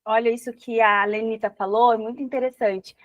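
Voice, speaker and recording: A woman's voice: on the high side, fairly even intonation, brisk, dry recording, phone-quality sound. A woman mentor teaching a live online class, encouraging and asking her listeners reflective questions.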